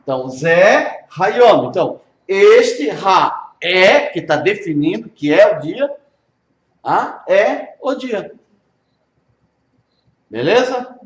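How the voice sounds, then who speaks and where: Brazilian guy teaching hebrew slow, kinda high voice, echoey room and dull audio. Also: big pitch swings. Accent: Brazilian Portuguese. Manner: patient, repeats pronunciations slowly, checks understanding. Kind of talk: informal one-on-one language lesson.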